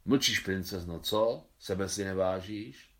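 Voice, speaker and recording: A man's voice: low-pitched, fairly bright tone. A man voicing a big, drunken, bullying father who taunts his family with sneering questions.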